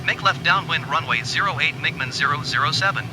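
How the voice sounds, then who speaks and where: Male pilot over the radio: brisk, even readbacks, a touch high, heavy engine noise underneath. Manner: clipped, even call-sign readbacks. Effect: pilot speaking over the aircraft radio. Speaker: pilot voice of a flight simulator. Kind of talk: radio phraseology.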